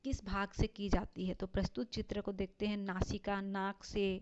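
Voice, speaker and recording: A woman teacher, slowly explaining a lesson and drawing out her example words. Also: mid-range voice, level tone, a little mellow. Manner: slow, deliberate, stretches out example words. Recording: dull lo-fi recording.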